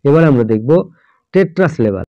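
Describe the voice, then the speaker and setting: A man's voice: mid-range voice, big pitch swings, dry recording, lo-fi sound. Man teaching English grammar step by step. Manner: slow, sounds words out letter by letter; checks in often with "all right?". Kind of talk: explaining a grammar lesson.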